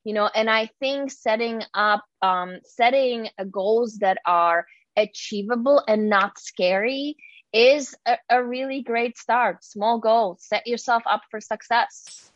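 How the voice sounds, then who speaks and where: A woman's voice: a little high, slow, dry recording. Hesitant woman, dull dry recording. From Czech Republic. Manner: hesitant, lots of ums and restarts. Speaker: guest, yoga teacher and life coach. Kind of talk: casual podcast conversation.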